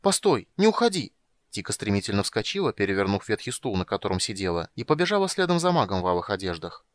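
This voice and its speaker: A man narrating an audiobook in a measured, expressive reading on a close mic. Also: lowish voice, no echo.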